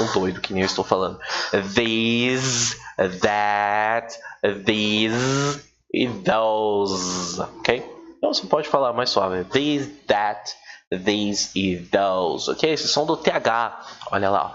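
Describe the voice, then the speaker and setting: A man giving a casual recorded English lesson, chatty and relaxed, stretching out his English examples slowly. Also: mid-range voice. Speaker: English teacher. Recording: dull, lo-fi with faint noise.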